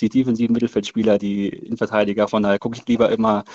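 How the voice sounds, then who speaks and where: A man's voice: on the low side, flat delivery, rapid-fire, darkish tone. A man chatting casually as a podcast guest, hesitant and thinking aloud. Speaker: football fan as podcast guest. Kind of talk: casual chat. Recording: slightly dull, lo-fi sound.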